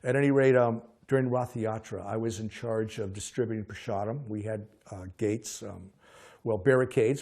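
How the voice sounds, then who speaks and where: An older man recalling personal memories as a lively storyteller, often halting and restarting his sentences. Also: medium pitch, breathy edge. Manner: halting, frequent restarts and fillers.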